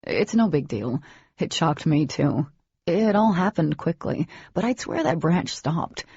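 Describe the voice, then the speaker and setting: A man's voice: a little high, lively intonation, measured pace, creaky, a little mellow, slightly rough, no room sound, dull audio, heavily acted. A woman voicing a friendly, easygoing teenage boy who talks in a casual, open way. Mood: earnest.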